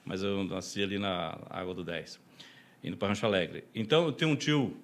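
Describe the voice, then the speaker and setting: Casual interview storytelling from a chatty Brazilian podcast guest who serves as a deacon; he laughs a lot and keeps adding "né?". The voice is low-pitched and animated, moving fairly quickly.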